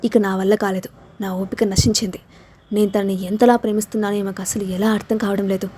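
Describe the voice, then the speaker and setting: A woman narrating a romance audio story in the first person, with dramatic, scripted storytelling. Her voice is warm and mellow at an ordinary pitch. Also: flat delivery, brisk, husky.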